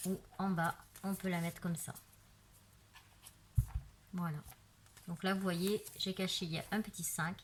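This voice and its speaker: A woman with a fairly low voice gives a relaxed craft show-and-tell, talking loosely as she goes. She is recorded by a camera on a tripod at a craft table indoors, with a faint hiss under her voice. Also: a little slow, pauses often. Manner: chatty, frequent "voilà" and "euh" fillers. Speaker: craft video maker.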